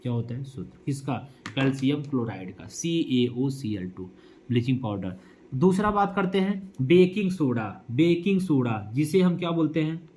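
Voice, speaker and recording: A young male teacher walks students through exam revision in a chatty, casual way. He keeps asking questions and then answers them himself, and he mixes in jokes to help them remember. His voice sits somewhat high for a man. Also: a little mellow. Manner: casual, chatty asides with memory tricks.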